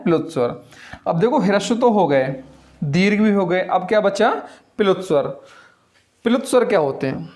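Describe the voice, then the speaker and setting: A man's voice: sits high, darkish tone. A young man teaching a Hindi grammar lesson, who asks the class questions, answers them himself and stretches out the vowels as he names them. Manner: draws vowels out slowly when naming them. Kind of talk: classroom lecture.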